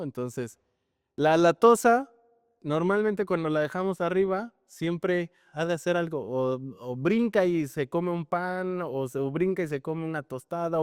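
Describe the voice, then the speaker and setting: A man's voice: on the high side, smooth, dry recording, clean studio sound, long reverb tail. A man preaching a sermon in a conversational, storytelling way, often tagging his sentences with questions. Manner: conversational, frequent tag questions, animated storytelling.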